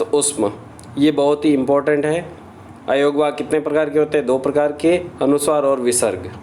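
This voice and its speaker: Man drilling a grammar lesson, slow and steady. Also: a little high, a little hiss or hum. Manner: recites lists in a steady drilling rhythm, asks and answers own questions. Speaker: teacher.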